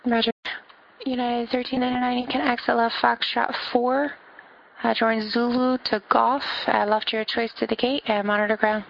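A woman working as an air traffic controller on the radio, giving clipped procedural instructions in an even delivery. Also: moderate pace, vocal fry, no echo. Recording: muffled low-fidelity radio audio.

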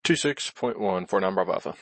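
A man speaking as a pilot over a headset, making brisk, procedural radio calls to air traffic control. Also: low-pitched, animated, a bit bright, husky, no room sound.

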